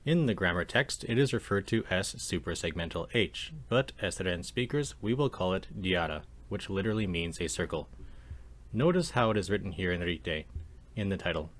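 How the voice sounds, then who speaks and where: A man teaching a language lesson over slides, explaining calmly and slowing down to demonstrate sounds. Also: deep voice. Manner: calm, measured explanation with slow demonstrations of sounds.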